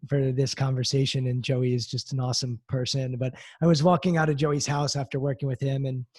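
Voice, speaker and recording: A man's voice: medium pitch, level tone, brisk, a little mellow, no echo, clean studio sound. A man hosting a video call panel in an upbeat, friendly way. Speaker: host.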